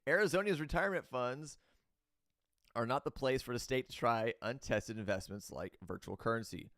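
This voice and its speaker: A man's voice: medium pitch, moderate pace, fairly bright tone, no room sound, clean studio sound. A man hosting a show, reading crypto news aloud and breaking into blunt, opinionated rants, with loose fillers and restarts. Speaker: host.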